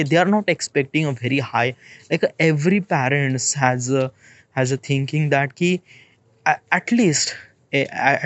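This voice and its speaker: In a dry recording, a late-twenties vlogger with an Indian English accent thinks out loud, wandering and stumbling through a relaxed reflective monologue while checking in with "okay?". His pitch is fairly high.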